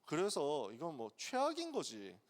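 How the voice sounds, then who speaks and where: A man's voice: a little high, wildly swooping pitch, measured pace. A male pastor giving a sermon to students in a casual, colloquial storytelling way, acting out the dialogue. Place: church sanctuary. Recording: long hall reverb.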